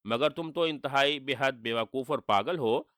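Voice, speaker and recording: Storybook villain: cruel, boastful male sorcerer, taunting , read by a man, bright and dry. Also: mid-range voice, moderate pace, no echo, close to an everyday voice. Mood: gloating, mocking. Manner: gloating, taunting with read-out laughter.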